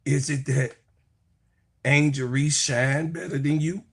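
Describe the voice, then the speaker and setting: A man co-hosting a sports talk show, ranting in heated commentary, fiery and profane, repeating his phrases and often shouting. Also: a little high, fairly even intonation, slow pace, breathy edge.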